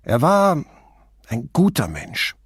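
A man voicing Nino, an excitable middle-aged drinker who talks eagerly and pushes his point. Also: mid-range voice, slow, slightly rough, no room sound, studio quality, pitched above the performer's own voice, heavily acted. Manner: eager, talkative, pushy.

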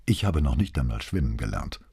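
A man reading the lines of a young woman army doctor in an audiobook, softly and measured. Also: a bass voice, very animated, breathy edge, pitched below the performer's own voice, exaggerated voice. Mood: earnest.

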